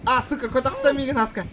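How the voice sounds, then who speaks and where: A man giving excited live gaming commentary in brash street-thug slang with heavy swearing. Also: very high-pitched. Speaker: game streamer. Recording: music playing behind the voice.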